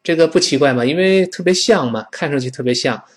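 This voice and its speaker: A middle-aged man from China teaching a spoken English lesson, demonstrating pronunciation slowly and repeatedly. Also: on the high side.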